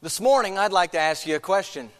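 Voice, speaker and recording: Male pastor with a high voice, conversational sermon, long church hall reverb. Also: expressive, quick pace. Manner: conversational, poses questions to the congregation. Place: church sanctuary.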